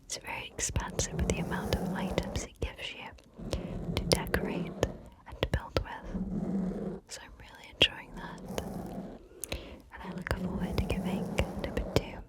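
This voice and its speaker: Female ASMR host, unhurried breathy whisper, close ear-to-ear mic, gentle casual chat. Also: fairly low pitch, completely flat delivery. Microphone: close microphone, ear to ear.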